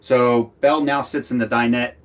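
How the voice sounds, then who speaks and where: In a casual live chat from inside his RV, a Philly-accented man from Northeast Philadelphia, an RV vlogger and co-host, chats, rambles and jokes. His mid-range voice stays steady at a normal speed.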